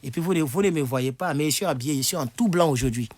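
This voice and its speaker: A man's voice: on the high side, fast talker, a little mellow, dry recording. Tired, chatty French-speaking man teacher. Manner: chatty, repetitive, demonstrates phrases. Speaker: English teacher. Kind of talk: casual online language lesson. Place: indoors, on his bed.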